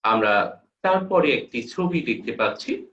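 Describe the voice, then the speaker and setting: A male teacher giving a lecture on a poem, speaking with a Bangladeshi Bengali accent and pausing often on long "ah" fillers. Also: medium pitch, animated, fairly bright tone. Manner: slow, halting, with frequent drawn-out "ah" pauses; reads quoted letters aloud. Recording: echoey room, far mic, dull lo-fi sound.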